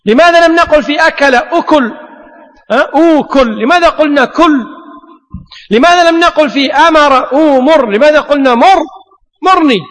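A man's voice: very high-pitched, moderate pace, fairly bright tone. A man teaching a grammar lesson, asking rhetorical questions and answering them himself. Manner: emphatic, drills rules by repetition. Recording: long hall reverb.

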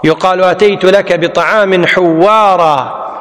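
A man's voice: high-pitched, fairly even intonation, measured pace, a bit bright. A man teaching a lesson, who repeats each word and quizzes his students. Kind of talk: classical Arabic text lesson. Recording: long hall reverb.

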